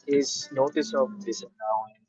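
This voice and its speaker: A man's voice: medium pitch, steady tone, normal speed, darkish tone. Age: adult. Sex: man. Role: caller. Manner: hesitant. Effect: glitchy, warbling online call audio. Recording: dull lo-fi line, faint music. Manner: hesitant, restarting his question. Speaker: caller asking a question. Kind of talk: casual call-in question.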